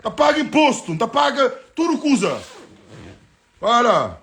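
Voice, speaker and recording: A man's voice: very high-pitched, big pitch swings, unhurried, vocal fry, fairly bright tone. Boastful man livestreaming from home. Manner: boastful, switches between Portuguese and French. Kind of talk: casual live stream chatter. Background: faint music.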